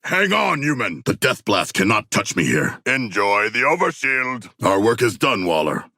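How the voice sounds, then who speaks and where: A man voicing a huge, earnest shark-man warrior in a video game, gravelly and husky, with stilted, grandiose, literal diction. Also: on the low side, big pitch swings, normal speed, bright, forceful tone, no room sound, studio quality, exaggerated voice. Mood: urgent, commanding. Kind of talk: video game character voice lines.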